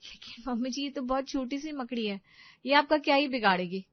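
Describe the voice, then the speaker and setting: A woman's voice: high voice, a little fast, no echo, natural voice. A woman voicing a put-upon young daughter-in-law in a cartoon story, polite and meek, on dull, dry audio.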